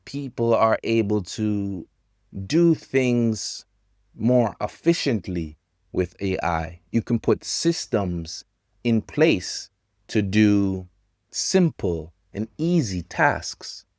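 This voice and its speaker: A man in his thirties teaching English to learners, talking about technology in slow, simple sentences with pauses. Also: fairly low pitch, expressive, darkish tone, dry recording, studio quality. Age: 30s.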